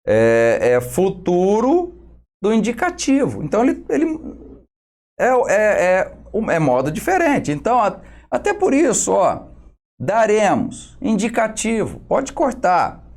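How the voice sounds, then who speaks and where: Lively slow-talking Brazilian teacher, man. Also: high-pitched. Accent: Brazilian Portuguese. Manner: tag questions after nearly every phrase, explanatory. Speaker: exam prep teacher. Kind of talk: solving exam questions for students.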